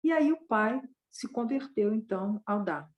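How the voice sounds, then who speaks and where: A woman's voice: fairly high pitch, animated, normal speed, highs cut off. A woman giving a Buddhist dharma talk, retelling a parable conversationally and tagging many sentences with a question. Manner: conversational, constant tag questions.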